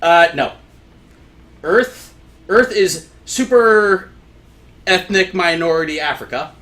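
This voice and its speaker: A man's voice: high-pitched, lively intonation, slow, fairly bright tone. A man in a casual chat, ranting sarcastically and stretching words out for emphasis. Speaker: movie review show co-host.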